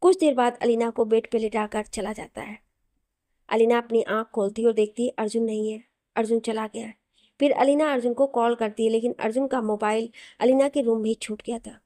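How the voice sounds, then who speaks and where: A woman narrating a romantic story in a steady, unhurried reading voice. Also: fairly high pitch, no room sound, clean studio sound.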